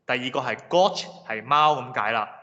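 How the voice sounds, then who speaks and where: A man lecturing a class in a patient, explanatory way, slowly repeating example words. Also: mid-range voice, expressive, bright, forceful tone. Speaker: language lecturer. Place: lecture room. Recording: reverberant hall, dull lo-fi sound.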